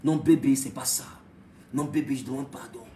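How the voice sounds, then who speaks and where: A preacher voicing a meek young husband who softly and humbly begs his wife for forgiveness, speaking in a hushed, apologetic murmur. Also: medium pitch, moderate pace, echoey room, distant mic, voice pushed down, natural voice. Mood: pleading.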